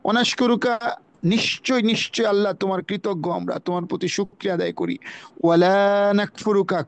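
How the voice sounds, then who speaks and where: Man, high register, patient teacher of a religious lesson on a video call, repeats key points, dry close sound. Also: dry recording. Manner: explanatory, repeats key phrases, recites Arabic. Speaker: religious study speaker. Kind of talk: religious lesson on Quran pronunciation.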